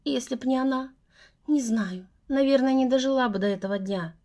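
A woman plays a fussing older mother whose voice sits a little higher. She speaks tenderly and tearfully, in an audiobook reading. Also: fairly quick, dark tone.

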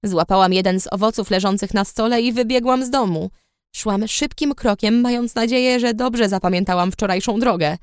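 A woman reading an audiobook aloud in the first person, with an even, reflective storytelling manner. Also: mid-range voice, normal speed, clear, resonant tone, no room sound, studio quality. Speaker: audiobook narrator. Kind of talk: first-person scripted narration.

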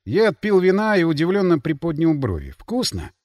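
A man narrating a first-person audiobook in an expressive, theatrical way. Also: a little high, fairly quick, no echo, clean studio sound.

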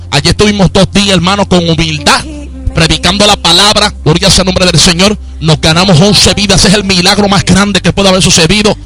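A man's voice: sits high, sharp tone. A man with a Puerto Rican Spanish accent preaching and praying fervently on a radio program, peppering his talk with hallelujahs. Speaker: evangelist.

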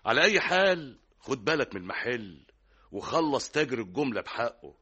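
A man's voice: medium pitch, sing-song, fairly quick, bright, forceful tone, slightly rough, highs cut off, exaggerated voice. A fatherly older hajj. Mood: earnest. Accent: Egyptian Arabic. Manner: earnest, paternal. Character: fatherly older hajj advising a young man. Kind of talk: 1960s radio drama acting.

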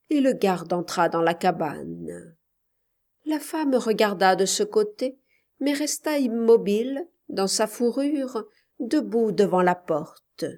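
A woman narrating a literary story in an audiobook, in an even, measured way. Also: mid-range voice.

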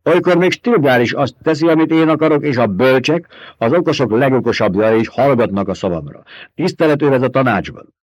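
A man's voice: mid-range voice, expressive, no room sound, pitched above the performer's own voice, lightly acted. A man voicing a young commanding rebel leader. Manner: forceful, rhetorical, challenging questions. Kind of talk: audiobook character voice.

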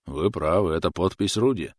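A calm, sly working father, voiced by a male narrator, deadpan and unhurried. His voice sits very low, and the recording is dry and close. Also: no room sound.

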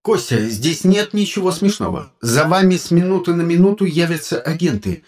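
A man's voice: a little high, lively intonation, moderate pace, darkish tone. A reader voicing an urgent, commanding man on a ship's bridge in a storybook reading.

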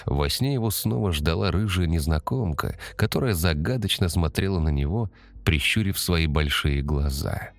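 A man reads a story in a steady, measured way. His voice is extremely low and deep. It is an audiobook narration. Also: dry recording, faint music behind.

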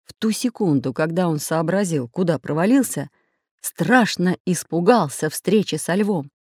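A woman reading a children's adventure story aloud with expressive storytelling. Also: fairly low pitch, normal speed, husky, no room sound, studio quality. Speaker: narrator. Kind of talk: children's audiobook narration.

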